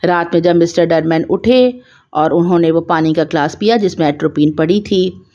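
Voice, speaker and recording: A woman narrating a conversational summary of a detective story, explaining each twist in a relaxed, chatty way with small asides. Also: on the low side, moderate pace.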